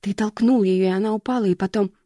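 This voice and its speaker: An audiobook narrator voicing a distraught young woman who panics and repeats herself, in a flat, dark tone. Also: medium pitch, fast, no room sound, studio quality, close to an everyday voice. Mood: horrified.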